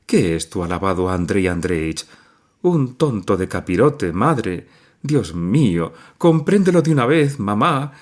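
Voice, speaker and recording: A man's voice: lowish voice, very animated, a little slow. A man reading a storybook aloud and voicing a distraught young woman who pleads through her tears. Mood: desperate. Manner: tearful, imploring. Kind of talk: audiobook reading.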